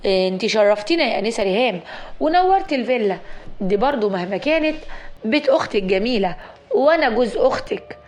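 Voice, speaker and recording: A woman's voice: fairly high pitch, lively intonation, brisk, natural voice. A woman voicing a polite but stern young man, speaking formally with an Egyptian accent. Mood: angry. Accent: Egyptian Arabic.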